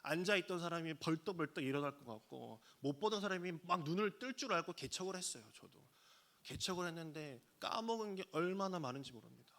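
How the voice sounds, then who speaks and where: Bright-voiced pastor telling a story. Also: male voice, animated, fast talker. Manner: storytelling, acting out quoted lines with sudden pitch jumps. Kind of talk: sermon. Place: church sanctuary.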